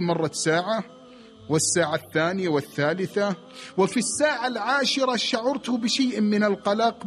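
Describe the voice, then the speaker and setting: High, expressive man telling a moving story. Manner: emotional, swings from hushed to loud cries. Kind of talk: dramatic religious story narration.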